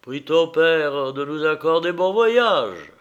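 A man's voice: a little high, normal speed, gravelly, a bit bright, muffled recording. A man voicing a lonely, bewildered male cyclops who cries out in raised, mournful pleas. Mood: fond. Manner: mournful, pleading outcries.

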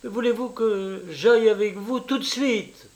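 A man's voice: fairly high pitch, measured pace, pitched above the performer's own voice, natural voice. A man voicing a curt, scornful young Italian woman. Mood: irritated. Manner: curt, offhand, contemptuous.

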